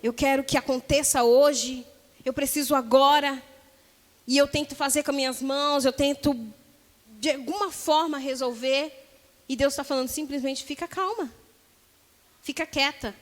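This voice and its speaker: A Brazilian woman preaching a sermon, telling the story in a lively way and acting out the voices of the people in it. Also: sits high, normal speed, big-room sound. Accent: Brazilian Portuguese.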